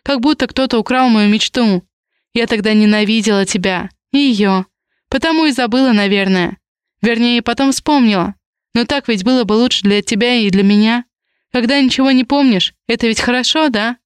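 A woman reading an audiobook, voicing a lovestruck young woman in a lighter, higher tone. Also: normal speed, clear, resonant tone, no echo, clean studio sound, lightly acted. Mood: wistful. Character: young woman, teasing yet tender, lovestruck.

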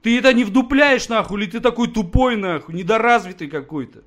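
A man's voice: high voice, brisk, a bit bright. A man making a provocative prank phone call, taunting and swearing in street slang. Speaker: prank caller.

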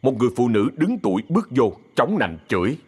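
A man with a Southern Vietnamese accent narrating a ghost story in a lively, expressive way. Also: medium pitch, brisk, husky.

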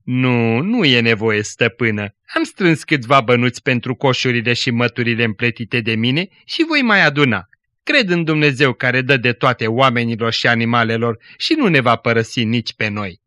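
A man as a gentle, pious orphan boy. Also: mid-range voice, expressive, dry recording, clean studio sound. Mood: humble. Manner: humble, tender.

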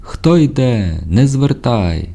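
A man voicing a stern male night patrol guard who shouts slow, drawn-out orders through the fog in an audiobook. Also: low-pitched, big pitch swings. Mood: shouting commands.

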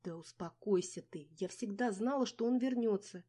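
A woman's voice: medium pitch, moderate pace, warm tone, breathy edge, pitched above the performer's own voice, natural voice. A woman reading an audiobook voices a blunt young female best friend who scolds and insists. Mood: bossy.

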